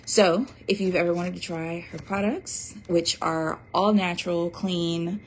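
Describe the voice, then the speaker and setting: Woman, slightly low voice, casual livestream host, chatty with lots of fillers. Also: fairly even intonation, measured pace, slight background noise. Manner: chatty, reads viewer comments aloud, fillers and restarts. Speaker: livestream host selling an oracle deck.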